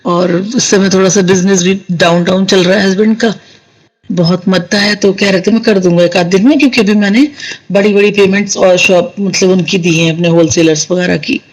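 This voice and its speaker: A woman's voice: mid-range voice, fairly even intonation, a little fast, rough recording. Woman telling a devotional story. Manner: conversational, addresses the listeners as sangat ji. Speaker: satsang storyteller sharing a devotee's experience.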